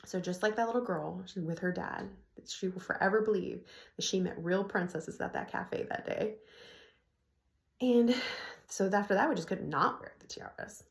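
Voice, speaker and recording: A woman's voice: mid-range voice, normal speed, creaky, roomy sound. A middle-aged woman casually telling a personal story to her phone camera, laughing often as she talks. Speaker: vlogger. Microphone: phone propped on an ironing board.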